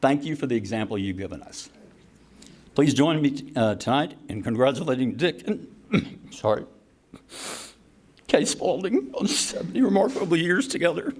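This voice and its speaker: A man's voice: medium pitch, sing-song, normal speed, long pauses, slightly rough. Man telling family stories at a party. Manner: warm storytelling with laughs and asides. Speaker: son giving a tribute speech. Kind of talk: anniversary party speech. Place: party hall with a crowd.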